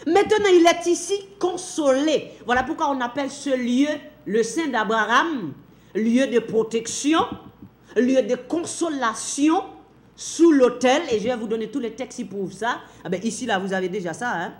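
A woman's voice: fairly high pitch, moderate pace, roomy sound. A woman teaching from the Bible in a sermon, repeating key phrases and asking and answering her own questions.

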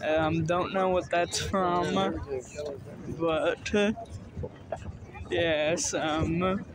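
A man vlogging outdoors at night on a hay wagon ride, narrating in a dry, deadpan, mock-enthusiastic way into a phone camera. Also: a little high, extremely slow. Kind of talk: casual sarcastic narration. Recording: vehicle noise outdoors.

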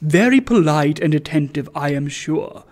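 A man reading aloud and voicing a pompous, self-righteous wealthy old gentleman who speaks with solemn majesty. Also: on the high side, expressive, normal speed, natural voice. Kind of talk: audiobook reading.

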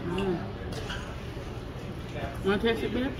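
A woman's voice: mid-range voice, slow, over a noisy crowd. A woman in her thirties chatting to the camera in a casual travel vlog, laughing often, filmed on a handheld phone in a car and on a street. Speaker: vlogger. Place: in a car, then outdoors on a town street. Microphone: handheld phone camera at arm's length. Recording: noisy car and street sound.

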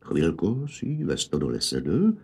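Gravelly man telling a fairy tale. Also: deep voice. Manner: lively, expressive. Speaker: narrator.

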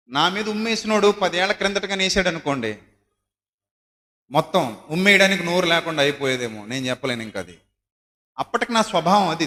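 A male preacher giving an emphatic sermon, rising to loud high exhortation and dropping to low soft asides. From South India. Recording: echoey hall.

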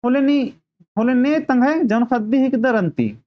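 A woman voicing an old village man who can barely see, asking slow, raised questions, on a dull lo-fi recording. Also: high-pitched, animated, pitched above the performer's own voice. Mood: welcoming. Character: old village man, the bride's father, hard of sight.

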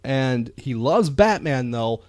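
Animated and slow-paced, this medium-pitched male voice belongs to a pop culture podcast host who chats enthusiastically, stressing words and repeating phrases for effect. No room sound is audible.

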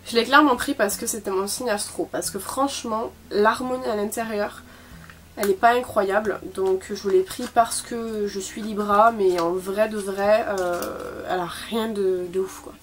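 A woman's voice: mid-range voice, fairly even intonation, moderate pace, a little hiss or hum. A young woman chatting casually through a makeup haul from her bedroom, with lots of fillers and small laughs. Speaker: beauty vlogger.

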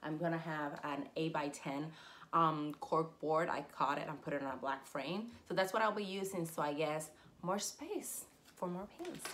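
Her voice is deep and her speed normal as this young collector vlogger, raised in Puerto Rico with Spanish as her mother tongue, shows off a haul in a shelf-filled indoor room. She's animated and chatty, often laughing and squealing, recorded by a camera a desk's length away.

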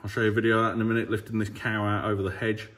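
A farmer in his thirties vlogs casually from his farm yard outdoors and his workshop indoors, holding a phone at arm's length. He talks very fast in a fairly low, level, slightly bright voice, chatty and jokey, telling stories matter-of-factly.

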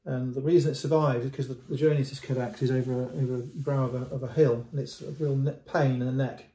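Speaking fast in a warm, mid-range voice with fairly even intonation, a middle-aged antiques dealer shows off a painting to the camera in loose, unscripted commentary. He gestures at the canvas, repeating words and starting over often. The camera sits close in a room at home, which adds a roomy echo.

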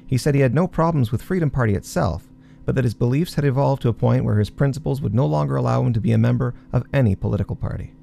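A man narrating a documentary in a measured, formal script. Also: medium pitch, vocal fry, warm tone.

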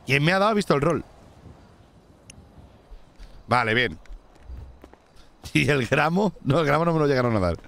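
A young man with a Spanish accent from Spain streams a crime roleplay game as a bank robber, chatting loosely and swearing with his viewers. His voice is on the high side and gravelly, at a moderate pace with frequent pauses, and he jumps animatedly between in-game talk and asides.

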